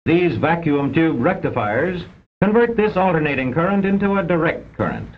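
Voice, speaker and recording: Very animated yet moderately paced, a man delivers scripted narration for a vintage educational film. His reading is formal, precise and didactic, and the old soundtrack is dull with rumbling noise.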